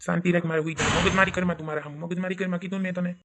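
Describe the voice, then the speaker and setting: A man's voice: sits high, little pitch movement, very fast, noisy background. A man plays a stubborn, hot-headed village husband in a comedy sketch, answering back with blustering, defiant retorts. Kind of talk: comic village sketch acting.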